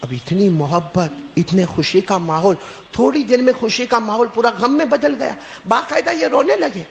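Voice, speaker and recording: In an echoey hall with faint noise and dull audio, a man preaches a story with heavy repetition and emphasis, using "bolo" to draw call-and-response from listeners; his high voice is a little mellow and has vocal fry.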